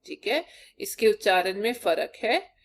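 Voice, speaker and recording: A woman's voice: mid-range voice, sing-song, measured pace. A woman teacher giving a primary-school lesson, sounding out letters one at a time for young children.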